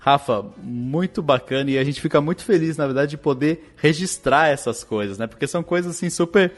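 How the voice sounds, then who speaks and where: A man's voice: on the high side, a little fast. A man hosting a podcast, wrapping up with chatty, grateful thanks to his guest. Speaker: podcast host. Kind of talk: closing remarks of a podcast.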